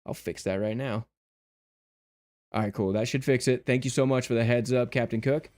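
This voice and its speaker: This streamer's medium-pitched, darkish voice runs at a normal speed as he games and chats easily with his audience. He rambles in a laid-back way with many fillers, heard through livestream headset mic audio.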